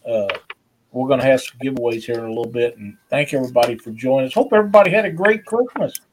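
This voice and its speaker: A man's voice: medium pitch, fast, slight background noise. A man hosting a casual live stream, upbeat and greeting viewers by name.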